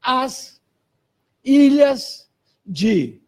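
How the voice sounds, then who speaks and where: A man's voice: extremely high pitch, sing-song, drawn-out words. A man with a Brazilian Portuguese accent giving a live lecture, explaining step by step and putting questions to his audience. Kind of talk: live lecture on old handwriting.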